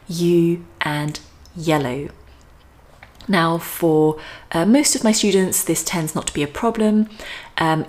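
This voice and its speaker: A woman teaching English pronunciation in a careful, deliberate way, with frequent ums. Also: low voice. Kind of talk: slow, careful pronunciation lesson.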